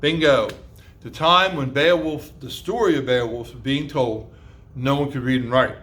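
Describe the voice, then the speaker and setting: A man's voice: medium pitch, moderate pace, fairly bright tone. A man teaching a class, lecturing in a conversational way with lots of fillers and rhetorical questions, spelling words out letter by letter. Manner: spells words out letter by letter and sounds out old pronunciations.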